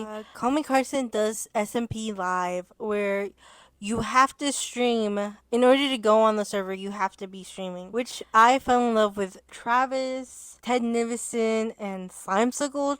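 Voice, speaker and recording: Rambling young woman vlogger, voice going hoarse. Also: mid-range voice, normal speed, a bit bright, no echo. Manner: rambling, self-interrupting, swears and laughs often. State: starting to lose her voice. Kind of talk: casual rambling chat to camera.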